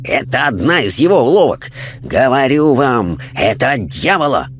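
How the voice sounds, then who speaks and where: A man voicing a loud, hot-tempered male religious fanatic spirit who talks in an indignant, preachy way. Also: medium pitch, sing-song, moderate pace, voice pushed up, lightly acted.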